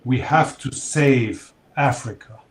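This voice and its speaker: A man in his fifties from Kenya, answering interview questions in a measured, reflective way with some fillers and restarts. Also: mid-range voice. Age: 50s. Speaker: interview guest. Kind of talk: casual interview conversation. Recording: noisy background.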